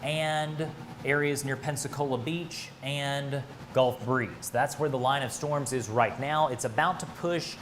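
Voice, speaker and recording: A man's voice: mid-range voice, unhurried, a bit bright, a little hiss or hum. An American man giving live, ad-libbed severe weather coverage, speaking urgently and emphatically with direct appeals to listeners. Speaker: weather broadcaster.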